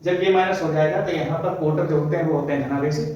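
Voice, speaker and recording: Male teacher, slightly raised pitch, dictating exam answers slowly, recorded distant and muffled in a bare room. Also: steady tone, darkish tone, a little hiss or hum. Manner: explains step by step, asks and answers own questions; slows to dictate notes. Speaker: physics teacher. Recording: echoey room from far off, dull sound.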